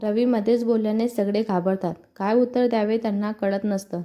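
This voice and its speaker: A woman with a Marathi accent reading a scripted story aloud, voicing all the characters' lines in her own even narrating voice. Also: medium pitch, fairly quick, lo-fi sound, faint music behind. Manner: reads all parts in one even narrating voice.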